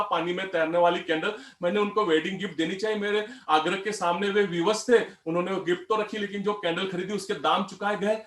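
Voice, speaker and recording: A middle-aged man delivers a motivational talk as a story and acts out the dialogue along the way. His voice sits high for a man. The hall around him is roomy and echoey. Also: fairly bright tone. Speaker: motivational speaker. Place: event hall.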